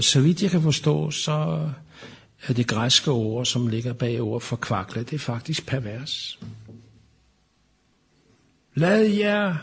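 Husky-voiced man preaching with fervor. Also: on the high side. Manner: impassioned, building to fervent proclamation. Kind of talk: sermon.

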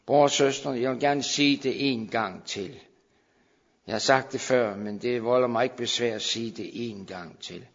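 A man preaching a sermon, moving between hushed, slow pleading and raised, urgent calls to his listeners. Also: mid-range voice. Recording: dull sound with long hall reverb.

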